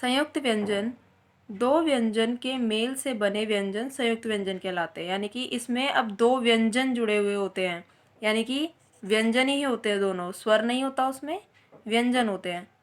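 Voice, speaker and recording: A woman's voice: a little high, moderate pace. A woman teaching a Hindi grammar lesson, explaining step by step and answering her own questions as she goes.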